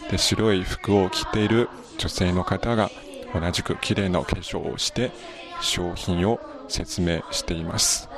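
A man reporting on location, describing the scene calmly and matter-of-factly. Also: deep voice, unhurried. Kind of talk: on-location news commentary. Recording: busy crowd noise behind.

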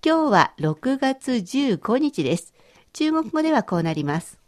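A woman teaches a radio language lesson in a bright, high voice that rises and falls a lot. She explains each point patiently and clearly. Her tone is friendly and instructive. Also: sing-song, measured pace.

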